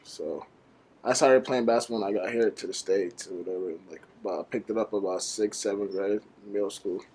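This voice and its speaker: A young man from Nigeria, a college basketball player, chatting casually as an interview guest, laid-back and halting, with many fillers. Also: lowish voice, fairly even intonation, darkish tone, a little hiss or hum. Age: young adult.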